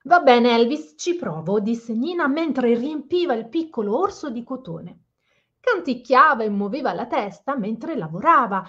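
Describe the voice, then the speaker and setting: Woman reading to kids, gentle, explaining, high lively voice, dull lo-fi recording. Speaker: storyteller for children. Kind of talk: children's picture book read-aloud with comments. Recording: slightly dull lo-fi sound.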